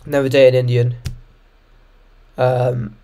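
A young man hosting a reaction video, sounding off in a mid-pitched voice with a relaxed, chatty style delivery. He mocks what he watches and breaks into loud bursts of disbelief. His pitch sits in the middle of the range. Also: takes it slowly. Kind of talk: casual reaction commentary.

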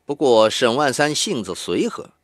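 A man narrating an audiobook with expressive storytelling on a studio mic. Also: medium pitch, moderate pace, dry recording.

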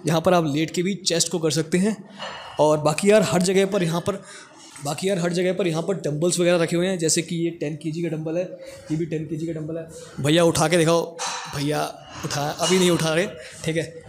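A man's voice: a little high, a little hiss or hum. A young man giving a casual, joking walking tour of a college gym, speaking on a lapel mic. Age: young adult. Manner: chatty, joking, addresses viewers directly. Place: indoor college gym, medium-sized room. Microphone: clip-on lapel mic.

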